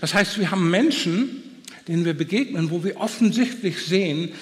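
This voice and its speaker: A man's voice: high voice, animated, moderate pace. A man preaching a sermon, emphatic and addressing listeners directly, his articulation impeded and slightly slurred as if his jaw is braced. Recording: long hall reverb.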